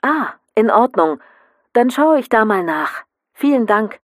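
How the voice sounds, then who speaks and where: A woman's voice: fairly high pitch, sing-song, a little slow, no room sound, studio quality. A woman acting a polite caller who phrases her questions carefully in a scripted language-course phone dialogue. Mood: polite, inquiring. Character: polite woman caller asking about job recognition.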